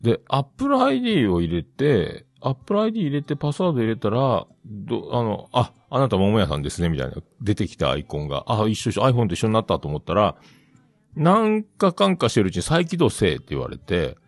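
Low-voiced guy with a rambling on his podcast, voice jumps all over, dry close mic. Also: wildly swooping pitch, a little fast, dry recording. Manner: rambling storyteller, acts out quoted voices. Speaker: podcast host. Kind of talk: casual solo chat.

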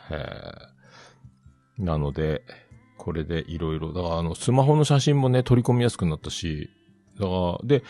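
A man with a hosts a casual solo podcast, rambling through a story and acting out the other people in it. His voice sits low, but it swoops around a lot. The recording is dry and close, with faint music underneath. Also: a little mellow, no room sound. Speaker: podcast host.

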